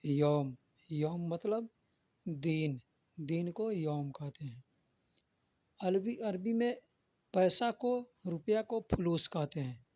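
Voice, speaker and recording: A man's voice: on the high side, animated, takes it slowly, pauses often, no echo. A man giving a spoken vocabulary lesson, patiently repeating each word and its meaning. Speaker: Arabic vocabulary teacher. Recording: dull, lo-fi dry recording.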